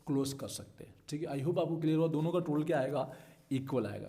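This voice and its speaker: A man's voice: medium pitch, warm tone. A man, teaching an accounting solution step by step and checking in with his students. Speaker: commerce tutor.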